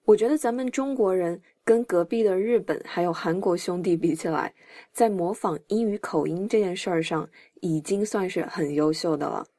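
A woman's voice: lowish voice, moderate pace, dark tone, no room sound. Encouraging woman English teacher, dry studio sound. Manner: encouraging, explains terms step by step. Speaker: English teacher and podcast host. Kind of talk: scripted podcast lesson.

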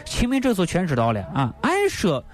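Animated joking male storyteller. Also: sits high, fairly quick. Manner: animated, jokey, lots of interjections. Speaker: co-host. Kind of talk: comic storytelling chat.

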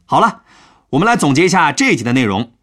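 A man's voice: a little high, very animated, fast talker, a bit bright, faint music behind. A man telling a history lesson as a chatty, playful story. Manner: chatty, playful, with sentence-final particles.

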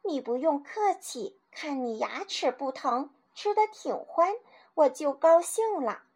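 A woman voicing a kind, forgetful, hard-of-hearing old grandmother, speaking gently and softly. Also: high voice, expressive, slow pace, heavily acted. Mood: soft, soothing. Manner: gentle, soothing, soft-spoken.

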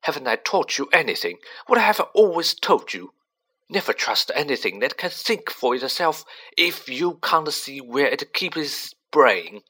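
A male narrator plays a protective middle-aged wizard father, flustered and stammering. His voice rides high and loud. A storybook voice with a bright tone. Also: breathy edge, full character voice. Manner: stammering, stunned then scolding.

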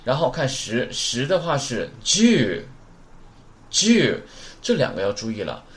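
Casual male language teacher, lively and talkative, drills numbers and keeps asking "right?". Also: mid-range voice, slow. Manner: chatty, repeats numbers aloud, asks rhetorical questions. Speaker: Japanese teacher. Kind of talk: casual spoken lesson.

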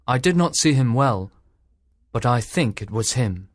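A man voices an anxious manservant, pitched well above the narration and pressing every line with urgency. The delivery stays strained and insistent. The recording is close and dry. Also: animated, measured pace, no echo. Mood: uncertain. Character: anxious loyal male servant, insistent. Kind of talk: audiobook character voice.

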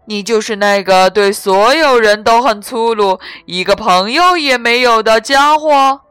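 A woman plays a stern elf king in a children's storybook, speaking gravely and firmly as he judges a rude visitor. His delivery is slow and deliberate. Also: fairly high pitch, a bit bright, no room sound.

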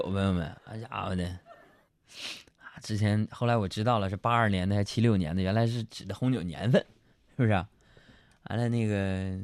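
Lively male comic host. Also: lowish voice, no room sound, studio quality. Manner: lively storytelling with quick jokes and asides to listeners. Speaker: radio show host. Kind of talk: comic monologue.

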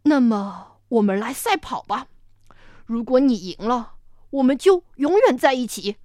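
T-rex voiced by a woman: gruff, loud, big-hearted dino, slow and dramatic, dry close sound. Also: on the high side, lively intonation, dry recording. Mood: gentle. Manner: loud gruff growling delivery. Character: big hungry male tyrannosaurus, gruff yet soft-hearted. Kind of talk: storytelling performance.

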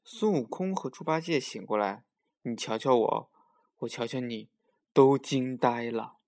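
A man narrating a children's story in a lively, expressive way. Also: mid-range voice, a little slow.

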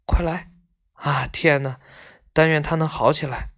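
A man's voice: mid-range voice, very animated, a little slow, pitched below the performer's own voice. A man voicing a grieving, humble old stonemason while reading a children's story aloud. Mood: urgent.

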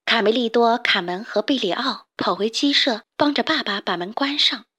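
A woman reading a children's storybook aloud as narrator, in a gentle, expressive manner. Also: fairly high pitch, normal speed, slightly rough.

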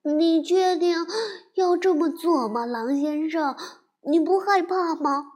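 A woman voicing a nervous, clever little male piglet in a storybook reading, with a bright, eager voice. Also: very high-pitched, slow pace, pitched above the performer's own voice. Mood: anxious.

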